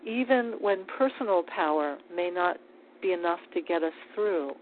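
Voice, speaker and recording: A woman giving a calm, measured spiritual talk on prayer, with small restarts as she speaks. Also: fairly low pitch. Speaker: spiritual teacher. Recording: tinny phone-like line with faint hiss.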